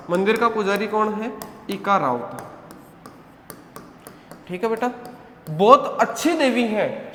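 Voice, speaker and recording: His voice sits high as this male teacher runs an online coaching lecture, drilling students through repeated questions and answers and calling them "beta." The recording carries an echoey hall sound.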